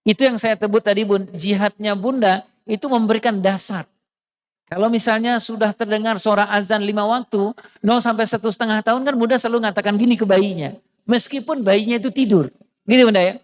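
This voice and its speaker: A man's voice: high voice, steady tone, fairly quick. A man giving a conversational religious parenting talk, chatting straight at the mothers in his audience and often adding little tag phrases to keep them with him. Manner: softens into gentle acted quotes to children. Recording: dull lo-fi recording.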